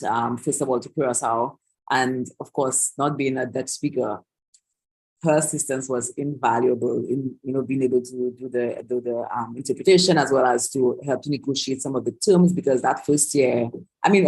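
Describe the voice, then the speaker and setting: A woman organiser hosts a live-streamed Q&A on a video call in a rumbling low, darkish, slightly rough voice, over a rough recording. She talks loosely, with many restarts and asides.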